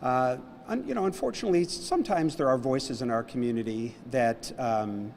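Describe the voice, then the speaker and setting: A man's voice: mid-range voice, animated, normal speed, a little mellow, a little hiss or hum. Joking man emceeing in an echoey hall. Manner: joking, informal, rambling. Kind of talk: ceremony speech. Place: large indoor hall.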